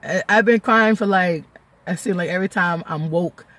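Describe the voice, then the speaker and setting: A woman's voice: on the low side, moderate pace, fairly bright tone. A woman talking casually in a video diary, chatty and close to tears, laughing now and then. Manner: chatty, laughing often, emotional. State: tearful, close to crying. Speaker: vlogger.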